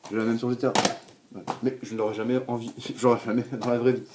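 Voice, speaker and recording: A young man talks through his DVD shelf in a loose, rambling way, stacking up fillers and repeating himself as he goes. The recording is home-made, with clear background noise under his voice. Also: medium pitch, level tone, fast talker. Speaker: collector showing his DVDs. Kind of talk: casual spoken review.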